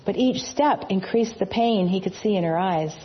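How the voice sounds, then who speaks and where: A woman narrating a storybook reading in a measured, reverent manner. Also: medium pitch, dull audio.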